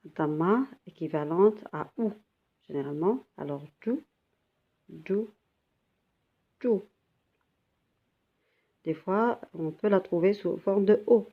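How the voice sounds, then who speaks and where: A woman's voice: on the low side, moderate pace, gravelly, narrow, tinny audio. A woman teaching a beginner language lesson, patiently sounding out syllables and repeating each one. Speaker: Arabic teacher.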